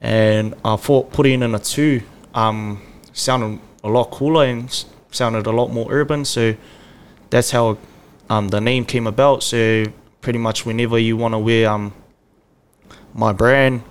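A man's voice: medium pitch, fairly even intonation, measured pace, clear, resonant tone. A man in his twenties from Samoa, a podcast guest chatting in a laid-back, easygoing way. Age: 20s. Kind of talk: casual chat.

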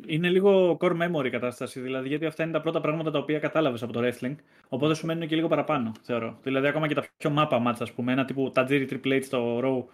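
A man co-hosting a casual wrestling podcast, rambling with lots of fillers as he gathers his thoughts. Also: medium pitch. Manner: rambling, many fillers and restarts. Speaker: podcast co-host.

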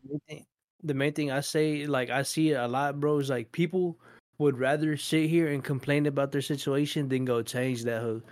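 A man's voice: on the high side, fairly even intonation, normal speed. A young man in casual conversation, talking in profane, slangy frat-bro style. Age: young adult. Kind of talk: casual chat.

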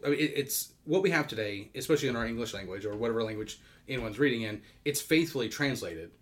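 Rambling male podcast co-host. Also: mid-range voice. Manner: rambling, self-interrupting, quick laughs. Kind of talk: casual podcast conversation.

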